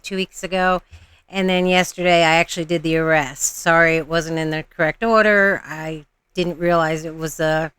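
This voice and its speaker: A woman's voice: on the low side, a bit bright, smooth, dry recording. A woman hosting a casual reaction video, commenting in an exasperated, mocking way. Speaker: host of a reaction video channel.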